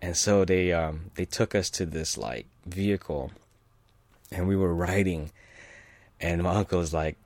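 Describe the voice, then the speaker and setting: A man's voice: sits low, measured pace, a little mellow, no echo. A man from California telling a personal story in a loose, rambling way, with many fillers, restarts and chuckles. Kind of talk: casual personal anecdote.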